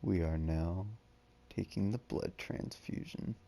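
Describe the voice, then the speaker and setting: A man's voice: deep voice, slow, creaky, dark tone. A man giving casual let's play commentary as a gaming host, with slangy, jokey asides.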